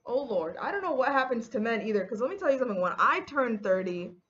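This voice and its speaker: A woman's voice: fairly high pitch, big pitch swings, quick pace, fairly bright tone, muffled recording, a little hiss or hum. A woman in her early thirties chatting casually in a get-ready-with-me vlog, telling stories with lots of "like" and retold dialogue. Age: 30s. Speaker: beauty vlogger.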